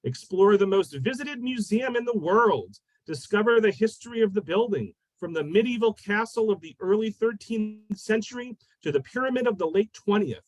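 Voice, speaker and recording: Library host, male, high voice, dry close sound, upbeat intro over video call. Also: animated, dry recording, rough recording. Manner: upbeat, slightly halting. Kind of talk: introducing a virtual event.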